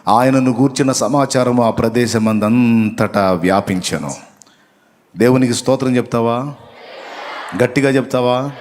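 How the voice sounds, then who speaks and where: A man preaching a sermon at an even middle pitch, reading scripture aloud and putting questions to the congregation. He repeats key phrases to drive them home. His voice rings out with the long reverb of a large hall.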